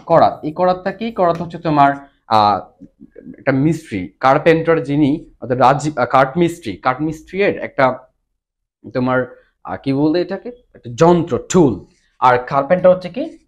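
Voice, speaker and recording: A man's voice: a little high, animated, normal speed. A man with a Bangladeshi accent giving an exam-prep English lesson, explaining step by step and mixing English terms into his talk. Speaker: English teacher.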